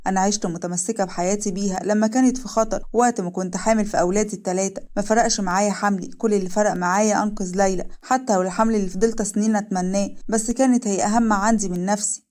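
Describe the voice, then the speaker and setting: A woman's voice: medium pitch, steady tone, very fast, hardly any pauses, darkish tone, natural voice. A woman voicing a loving middle-aged mother who speaks earnestly in Egyptian Arabic. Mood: tender. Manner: heartfelt, earnest.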